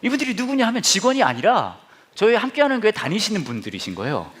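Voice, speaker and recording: Animated Korean pastor, lively storytelling sermon. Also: male voice, sits high, fast, slightly rough. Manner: animated, acts out his own reactions and prayers.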